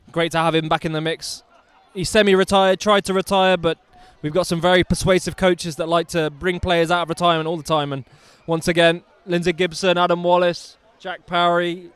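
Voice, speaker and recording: A man calling a rugby match live from the ground, enthusiastic and chatty with jokey asides. His voice sits a touch high and rings out clear and smooth. The sound is close and dry. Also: no room sound. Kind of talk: live sports commentary.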